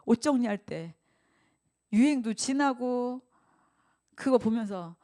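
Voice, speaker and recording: A woman's voice: on the high side, slow. A woman pastor preaching a Sunday sermon, putting rhetorical questions to the congregation and acting out quoted speech. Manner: acts out quoted speech in lively voices.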